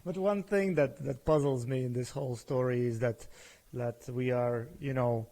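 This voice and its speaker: Gravelly man asking hesitant questions. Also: mid-range voice, fairly even intonation, normal speed, mellow. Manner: questioning, hesitant, searching for words. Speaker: podcast co-host. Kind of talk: casual chat.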